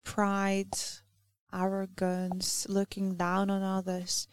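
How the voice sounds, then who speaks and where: A woman from Lithuania with a Lithuanian accent, a native Lithuanian speaker giving a halting church talk that searches for words. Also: medium pitch, monotone. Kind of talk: sermon.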